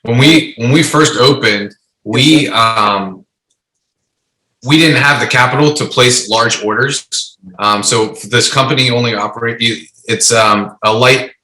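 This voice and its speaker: A man's voice: medium pitch, a little slow, pushed and bright, reverberant, low-quality recording. A man, co-owner of a food truck, explaining their business steadily in an interview. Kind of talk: casual interview answers.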